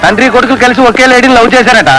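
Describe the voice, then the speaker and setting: A man playing a loud, playful comic character in a film scene. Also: very high voice, racing, over a noisy crowd, poor audio.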